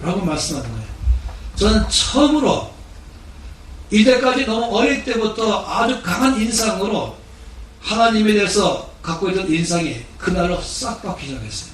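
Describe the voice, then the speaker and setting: Older guy pastor in his 60s preaching, earnest story, kinda high voice, big roomy hall. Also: lively intonation, moderate pace, far from the mic, slight background noise. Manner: earnest storytelling, acting out quoted speech. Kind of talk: sermon with personal testimony. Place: large church hall. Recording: echoey hall recording from afar.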